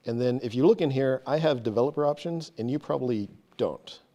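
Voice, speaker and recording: A man presenting a technical talk to a live audience, quick and casual, joking about himself. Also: mid-range voice, mellow, muffled recording. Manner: fast, casual, self-deprecating. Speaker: meetup presenter. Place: meeting room with an audience.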